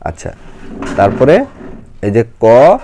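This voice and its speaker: A woman's voice: a bass voice, huge pitch swings, takes it slowly, vocal fry, warm tone, a little hiss or hum. A woman, teaching a child a lesson in a patient, coaxing, step-by-step way. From Bangladesh.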